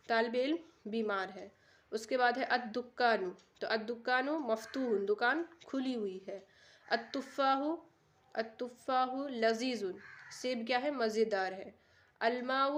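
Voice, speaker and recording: A woman teacher works through a textbook lesson at an unhurried pace, reading each word carefully before she explains it. Her voice sits a little high, and she stays patient and methodical throughout. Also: fairly bright tone. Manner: reads each Arabic word slowly, then translates it plainly. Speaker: Arabic language teacher.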